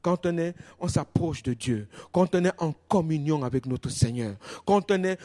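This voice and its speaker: A male pastor preaching a sermon in a church, telling stories with animation, his voice dropping to a hush and then rising loudly. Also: fairly high pitch, moderate pace. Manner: animated storytelling, swings between hushed and loud.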